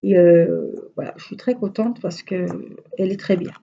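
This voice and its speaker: A woman's voice: on the low side, normal speed, gravelly, dark tone, dull audio, a little hiss or hum. A woman with a Franche-Comté French accent, chatting casually and rambling to her viewers as a crochet vlogger.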